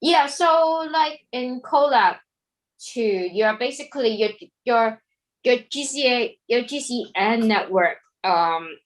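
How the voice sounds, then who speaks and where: A woman's voice: on the high side, animated, takes it slowly, poor audio. A woman in an online study group patiently explaining a coding question over a video call, with casual fillers.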